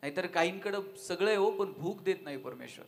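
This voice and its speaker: A man's voice: high-pitched, a little fast, gravelly. A man giving a devotional talk at a live event, telling funny anecdotes and putting questions to the audience. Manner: lively storytelling, asks the audience questions. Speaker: devotional speaker.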